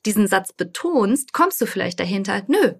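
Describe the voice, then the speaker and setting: A middle-aged woman therapist explaining coping exercises in a calm, casual conversation, with lively emphasis. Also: mid-range voice, moderate pace. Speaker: psychotherapist guest.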